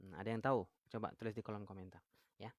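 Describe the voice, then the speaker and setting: A man's voice: fairly low pitch, steady tone, quick pace, no room sound. A man with an Indonesian accent teaching Quran recitation rules on a live stream. He asks viewers questions and reads out their comments. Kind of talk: live-stream tajwid lesson. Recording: live stream, dry close mic.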